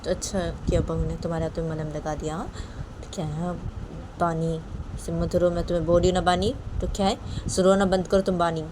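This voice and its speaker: A gentle but firm older aunt, voiced by a woman keeps reassuring someone, saying the same thing again and again. She speaks softly and low, with the odd rise when she presses a point. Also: flat delivery, a little fast, background noise, lightly acted. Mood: soothing. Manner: soothing, repeats herself insistently.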